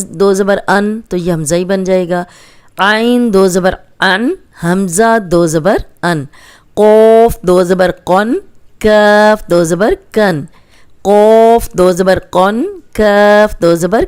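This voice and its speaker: A woman teaching Quranic letter pronunciation, slowly spelling out sounds and repeating each one patiently. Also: fairly low pitch. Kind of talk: slow spelled-out phonics lesson.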